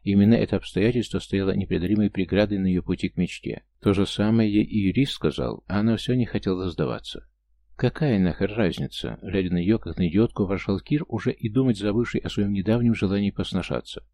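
A man narrating an audiobook in a steady, measured way. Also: on the low side, no echo.

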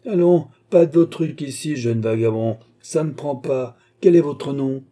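A man's voice: medium pitch, moderate pace, mellow, voice pushed up, natural voice. A man reading aloud and voicing a harsh, bullying male magistrate who sneers and barks his orders. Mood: harsh, shouting. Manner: sneering, barking.

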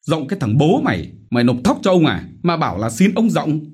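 Brutal bullying village chief, shouting curses, high and loud, husky edge, voiced by a man, audiobook. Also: very animated, normal speed. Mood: furious.

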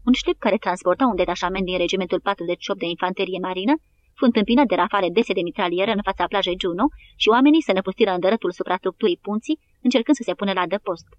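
A woman narrates an audiobook at a steady, even pace in a mid-range voice. A faint hiss sits under her reading. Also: medium pitch, highs cut off. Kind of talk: scripted narration.

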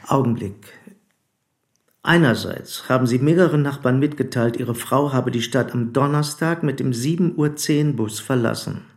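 In a German radio play, an actor voices a probing, formal police commissioner who speaks deliberately and insistently. His voice is male, medium-pitched and natural.

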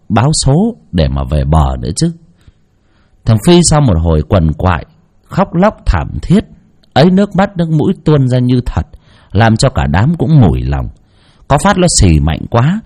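A man narrating a spooky folk story in an expressive storytelling voice, with mocking asides. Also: fairly low pitch.

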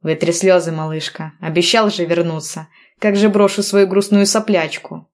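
A cocky, teasing young man, voiced by a woman in a read-aloud story. He talks in playful, mock-stern banter. His voice sits fairly low for a woman. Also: fairly even intonation, moderate pace, darkish tone, close to an everyday voice. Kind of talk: audiobook dialogue reading.

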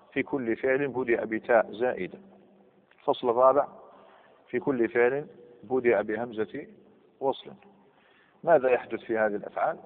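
A man with an Algerian Arabic accent teaching a grammar lesson, explaining rules step by step and quizzing his students. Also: mid-range voice. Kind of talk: classroom lesson. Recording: tinny lo-fi recording in a reverberant hall.

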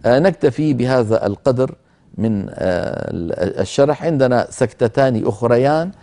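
A male recitation teacher hosting a televised lesson, with a mellow, warm voice. He explains in a measured way and stops to model the recitation slowly. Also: medium pitch, animated. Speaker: Quran recitation teacher, program host.

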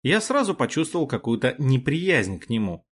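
Husky man narrating an audiobook. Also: medium pitch, normal speed. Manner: wry, expressive storytelling. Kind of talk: first-person audiobook narration.

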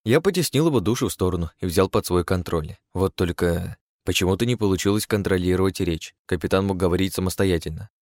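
A man's voice: low voice, quick pace, few pauses, darkish tone. A man narrating a first-person fantasy audiobook, with wry, sardonic asides.

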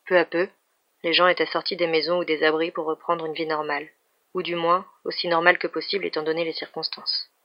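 A woman reading a novel aloud in a steady, even manner, in a dull lo-fi recording. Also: low voice, fairly quick. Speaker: reader.

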